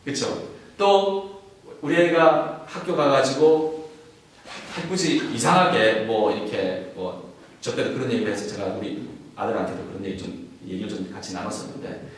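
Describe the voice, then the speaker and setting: A man's voice: on the low side, moderate pace. A man preaching a sermon as a pastor, in a conversational way, acting out the voices he quotes. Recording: echoey hall from far off with faint noise.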